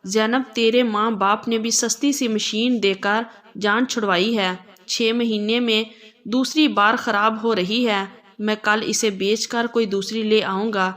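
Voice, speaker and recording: A woman's voice: a little high, steady tone, fairly bright tone, close to an everyday voice. A woman reading the lines of a young newly married husband, firm and at times scolding, in a storybook tale. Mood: stern.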